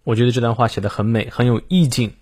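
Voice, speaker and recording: Husky-voiced male English teacher. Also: medium pitch, darkish tone. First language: Chinese. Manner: slow careful English read-aloud. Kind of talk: morning English reading lesson.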